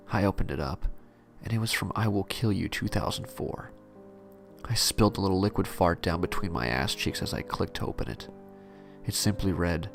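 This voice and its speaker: A man narrating a parody horror story in a deadpan first-person telling. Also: low voice, gravelly.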